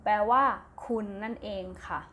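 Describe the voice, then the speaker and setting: A woman with a Thai accent teaching a primary English lesson, spelling words letter by letter, repeating each word twice, then giving its meaning. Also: moderate pace. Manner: gentle, patient, ends phrases with polite particles. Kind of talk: slow recorded classroom lesson.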